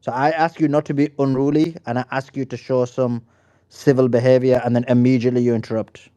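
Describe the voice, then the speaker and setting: A man hosting an online audio debate, firm and measured as he calls on speakers and reproves them. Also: medium pitch, little pitch movement, warm tone. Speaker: host.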